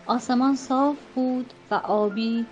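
A woman narrating a storybook tale in an even, measured reading. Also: on the high side. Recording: dull lo-fi with faint music.

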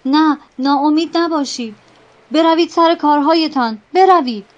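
A woman's voice: sits high, muffled recording, voice pushed up, lightly acted. Woman voicing a stern ship captain. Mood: angry. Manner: forceful, rousing, angry. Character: stern middle-aged male ship captain, commanding.

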